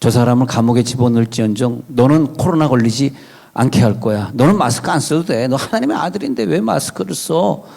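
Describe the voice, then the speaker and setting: A pastor voicing the devil as a tempter who coaxes and goads a believer with false flattery. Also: male voice, mid-range voice, a little fast, creaky. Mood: goading. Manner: coaxing, goading, insistent.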